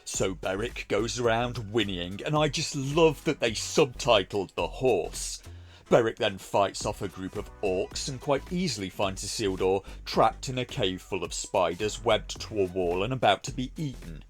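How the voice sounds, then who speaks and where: A man's voice: lowish voice, measured pace, faint music behind. A man delivering a scripted review narration in a mocking, sarcastic manner. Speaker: video reviewer.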